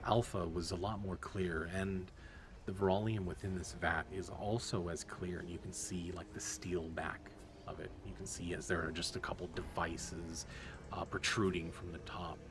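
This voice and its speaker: A man's voice: low voice, fairly even intonation, normal speed, background noise. A man running a tabletop game as game master, narrating loosely with restarts and fillers. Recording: music playing behind.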